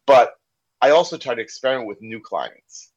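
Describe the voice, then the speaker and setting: This American man, a corporate trainer and podcast guest, speaks at normal speed in a husky, animated, mid-range voice. He shares a frank story in a laid-back conversation and performs the quoted lines, captured in slightly dull lo-fi sound.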